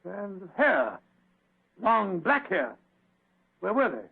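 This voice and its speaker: A bluff, excitable doctor sidekick, blustering and stammering in a high, gravelly voice. The dry old radio recording sounds thin and phone-like. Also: male voice, slow, dry recording, exaggerated voice.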